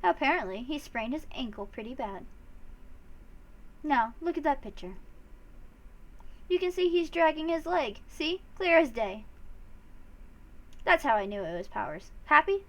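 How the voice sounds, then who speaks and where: A cranky, nosy old lady witness, put on by a woman, scolding everyone around her and calling them sonny. Her voice sits high and swoops wildly up and down, full of indignation. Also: very animated, unhurried, pauses often, a bit bright, full character voice. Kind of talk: fan voice-over of a game.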